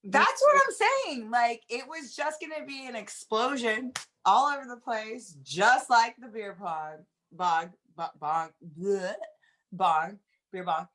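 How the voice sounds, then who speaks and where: A woman's voice: fairly high pitch, expressive, slow, fairly bright tone. Joking woman podcast host. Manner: joking, crude banter. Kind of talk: casual chat.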